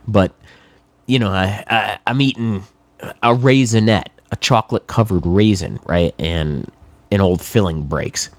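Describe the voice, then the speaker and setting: This middle-aged man from New England has a cold and sounds congested as he rambles along, casual and wryly sarcastic, leaning on lots of fillers. His voice is lowish and a little slow, with no echo.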